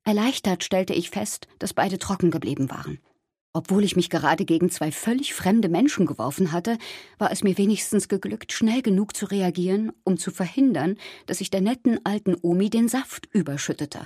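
Husky woman reading a story aloud. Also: medium pitch, expressive, moderate pace, mellow, no room sound, clean studio sound. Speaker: narrator. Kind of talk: audiobook narration.

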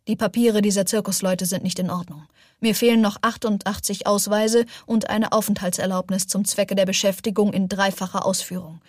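A woman's voice: mid-range voice, steady tone, fairly quick, no room sound, clean studio sound, natural voice. A woman reading the lines of a stern, cold male official in an audiobook, curt and clipped.

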